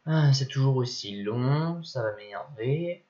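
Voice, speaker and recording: A man's voice: medium pitch, expressive, a little slow. Young guy, mid-range voice, chatty tutorial narration that rambles and mutters. Muffled lo-fi mic. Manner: rambling, thinks aloud, mutters at software. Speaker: tutorial maker. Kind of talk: casual screen-recorded tutorial. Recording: dull lo-fi mic.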